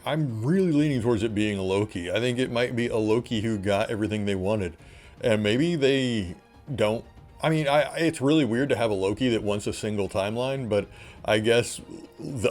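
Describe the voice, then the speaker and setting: A man with a lowish voice talks straight to his viewers in a loose reaction-vlog chat. He gets excited and rambles, trips over his words and restarts his sentences. Faint music plays behind him. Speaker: channel host reacting to a TV episode. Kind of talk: casual reaction vlog talk.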